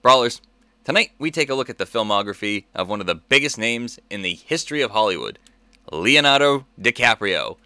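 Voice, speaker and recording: Male podcast host, grandiose ringmaster announcing, very animated pitch, gravelly edge. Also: fast, no room sound. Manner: theatrical, grandiose ringmaster delivery. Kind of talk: ringmaster-style show announcing.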